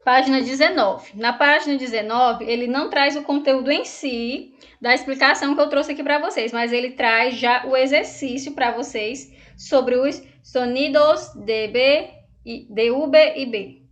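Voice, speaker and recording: A woman's voice: sits high, a little slow. A woman from Brazil teaching an online language lesson, explaining patiently, asking the class questions and reading exercises aloud. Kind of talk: online Spanish lesson for students.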